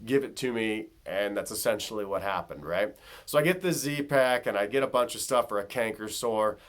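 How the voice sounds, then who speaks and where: A man with a fairly low voice recounts his personal story straight to camera. He talks loosely and casually, with plenty of filler words and conversational asides. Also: moderate pace. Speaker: vlogger.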